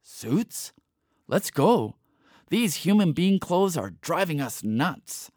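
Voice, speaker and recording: A man doing gruff, grumpy forest animals. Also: fairly high pitch, sing-song, slow pace, darkish tone, no echo, clean studio sound, pitched above the performer's own voice, exaggerated voice. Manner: gruff and grumbling.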